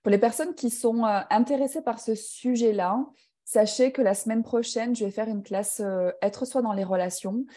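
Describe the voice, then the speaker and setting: Speaking live online to participants in a personal growth class, this woman sounds reflective and hesitant, using many fillers. Her voice is fairly high with a dark tone, and she keeps a moderate pace.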